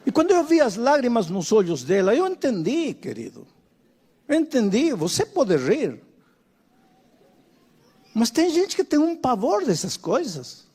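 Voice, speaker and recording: Older man, preacher, non-native speaker, high voice, very lively pitch, dramatic storytelling. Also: unhurried, pauses often, slightly rough. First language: Spanish. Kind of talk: sermon.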